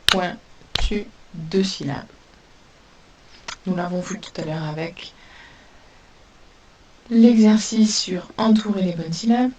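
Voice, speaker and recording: A woman teaching a spelling lesson to young pupils, dictating words slowly and sounding out each letter. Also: on the low side, a little mellow. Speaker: primary school teacher. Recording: distant mic with faint hiss.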